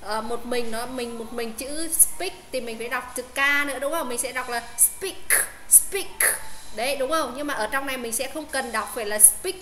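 Woman tutor, high voice, chatty explainer on a video call. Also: a little fast, hardly any pauses, roomy sound, noisy background. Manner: explanatory, many fillers and repeated checks. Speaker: English pronunciation tutor. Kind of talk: casual online tutoring. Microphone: Zoom call.

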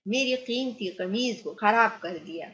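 A woman's voice: on the high side, fairly bright tone, natural voice. A woman voicing an arrogant man who angrily threatens and demands payment. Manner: harsh, threatening. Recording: muffled lo-fi recording.

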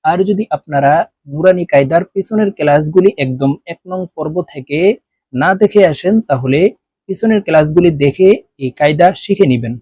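A man teaching Quran reading in an online lesson, spelling letters out slowly and chanting the words drawn out, then explaining pronunciation rules in quick plain talk. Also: on the high side, mellow, slightly rough, dry recording.

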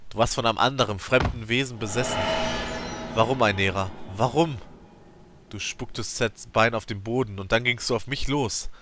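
A let's play host giving an emotive, theatrical reading of a game's story text, rising and falling in loudness. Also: male voice, mid-range voice, steady tone, fairly quick, few pauses, slight background noise.

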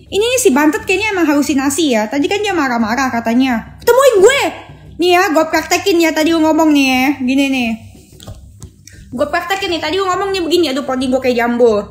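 A woman's voice: sits high, lively intonation, quick pace, soft background music. A young woman ranting sarcastically on a phone live stream, mocking and mimicking someone. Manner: taunting, sarcastic, mimics others.

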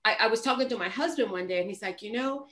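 A woman in her fifties from Puerto Rico with a Puerto Rican accent, chatting as a guest on a video call, animated and full of restarts. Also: medium pitch, fast. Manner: animated, frequent restarts and "you know". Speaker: guest author. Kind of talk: casual interview chat. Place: home office, indoors.

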